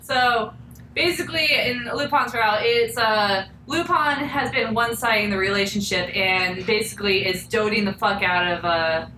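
A woman co-hosting a podcast in casual chat, animated and often exasperated. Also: mid-range voice, normal speed. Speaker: podcast co-host. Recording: roomy, distant mic, faint noise.

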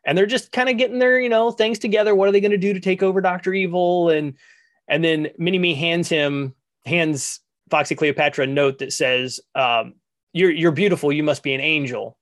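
A man with a slightly raised voice hosts a casual podcast chat. He rambles along in a relaxed way, stacking up fillers as he retells events. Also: high-pitched, moderate pace. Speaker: podcast host.

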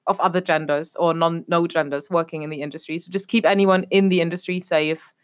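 A young adult woman from Germany co-hosts a casual podcast, speaking a little fast in a fairly low, steady-toned voice. She tends to ramble, reaching again and again for "obviously" and "a whole thing."

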